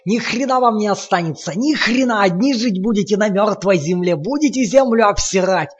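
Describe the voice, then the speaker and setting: An enraged brute of a veteran. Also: male voice, sits high, very animated, moderate pace, a little mellow, pitched above the performer's own voice. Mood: raging. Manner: screaming obscenities, hoarse from roaring. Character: brutal enraged male war veteran, roaring. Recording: muffled lo-fi audiobook recording.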